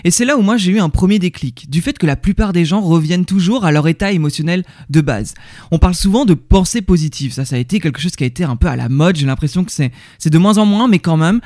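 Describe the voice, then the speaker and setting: A man's voice: high voice, expressive, quick pace, darkish tone, no echo, clean studio sound. A man talking casually and directly to the listener, often hesitating and repeating words as he explains what he learned at a seminar. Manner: chatty, addresses the listener directly. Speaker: vlogger reviewing a seminar. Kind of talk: casual talk to the viewer.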